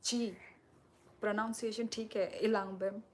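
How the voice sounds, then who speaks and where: A woman's voice: mid-range voice, fairly even intonation, unhurried, darkish tone. Woman chatting on a live stream. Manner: talks directly to viewers, reassuring and explaining at length. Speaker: livestream host. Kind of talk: live stream chat reading comments.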